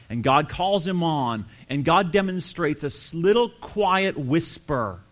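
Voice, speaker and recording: A man preaching a sermon, earnest and emphatic, slowing down to stress key phrases. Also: medium pitch, fairly bright tone. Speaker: pastor.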